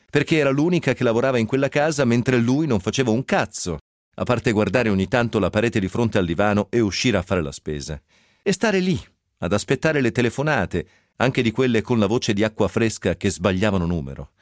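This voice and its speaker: A man giving an expressive reading of a novel excerpt on radio, with dry ironic asides. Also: medium pitch, no echo. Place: radio studio.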